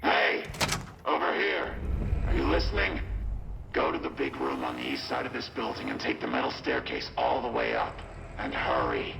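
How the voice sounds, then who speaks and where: An actor playing a gruff, suspicious male ghoul who speaks curtly over an intercom in a low, gravelly voice. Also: huge pitch swings, normal speed, background noise, heavily acted. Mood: impatient. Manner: curt, bossy and distrustful. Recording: game audio with loud music behind. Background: game music.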